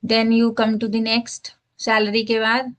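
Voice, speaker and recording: Speaking extremely slowly in a slightly high, monotone voice, a woman teacher explains a tax filing form to students over screen share. She goes step by step in Hindi mixed with English phrases, frequently checking in with "ठीक है".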